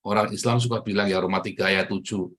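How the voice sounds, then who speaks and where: Husky-voiced man preaching conversationally. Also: low-pitched, fairly even intonation, quick pace, fairly bright tone. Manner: conversational preaching, often turns to the congregation directly. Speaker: pastor. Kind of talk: sermon.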